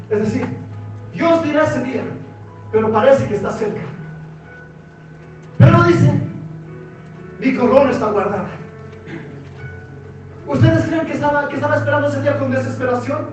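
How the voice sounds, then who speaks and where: A man preaching a sermon as pastor, impassioned and often shouting with emphatic repetition, in a church hall. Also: very high voice. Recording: echoey hall from far off, dull, music and congregation behind.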